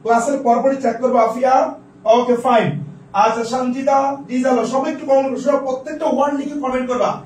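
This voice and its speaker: A man's voice: very high-pitched, little pitch movement, fast talker, darkish tone, roomy sound, recorded from a distance, low-quality recording. A man from Bangladesh teaching English vocabulary to exam students in a live online class, drilling word pairs by asking and then answering each one, several times over.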